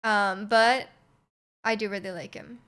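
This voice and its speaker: Her medium-pitched voice is clear, resonant, and fairly bright, with a steady tone and measured pace. She is a game livestreamer chatting casually with viewers as she plays, rambling, repeating herself, giggly and hesitant, on a close streaming mic.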